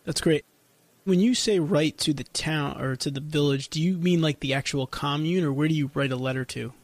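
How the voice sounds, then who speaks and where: A man's voice: on the high side, moderate pace, dry recording. A man hosting an interview podcast, asking questions and sharing his own family research examples in an upbeat way. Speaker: podcast host. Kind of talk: casual interview.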